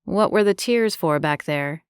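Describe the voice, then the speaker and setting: A lady reading as an easygoing charming guy, teasing, low-ish, dry sound. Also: expressive, measured pace, clean tone, no room sound. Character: charming young man, playful, injured.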